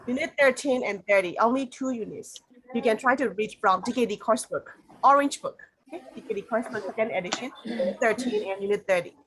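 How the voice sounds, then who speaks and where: A woman's voice: a little high, quick pace, a bit bright. A woman teacher on a video call, patiently giving homework instructions and repeating the key points. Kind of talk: online class instructions.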